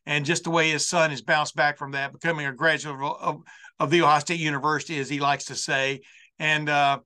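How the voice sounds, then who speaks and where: A man's voice: on the high side, level tone, brisk, sharp tone, clean tone. A man hosting a college football show with an unscripted monologue, folksy and rambling, often circling back over his phrases. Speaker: sports talk show host.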